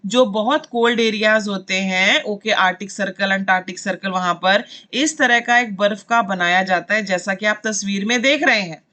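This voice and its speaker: A woman's voice: mid-range voice, moderate pace, hardly any pauses, pushed and bright. A young adult woman teacher giving an online vocabulary lesson, reading English definitions and explaining them in Hindi, often asking and answering her own questions with frequent "okay".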